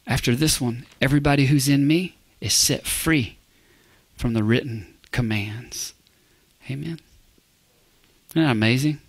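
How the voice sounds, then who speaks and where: In a dry recording, a husky-voiced male pastor with a mid-range pitch preaches verse by verse with real emphasis. He repeatedly asks his congregation "Amen?" and lowers his voice to a hushed whisper when driving a point home.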